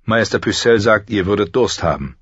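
A man's voice: fairly low pitch, expressive, brisk, a bit bright, slightly rough, no echo, muffled recording. A man reading aloud voices a dutiful, anxious male household steward, speaking urgently.

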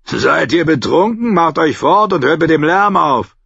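A man doing a curt, gruff gate guard. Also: a little high, expressive, measured pace, a bit bright, no room sound, pitched above the performer's own voice, full character voice. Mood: brusque. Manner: curt, brusque. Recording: dull lo-fi, dry.

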